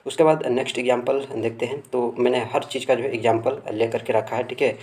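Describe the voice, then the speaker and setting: A man at a middle pitch, teaching a lesson. He reads definitions slowly and deliberately, then explains them more quickly. Fillers and checks on whether the students follow come up often. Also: fairly even intonation, a little mellow. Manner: frequent fillers and tag checks. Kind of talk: classroom lecture.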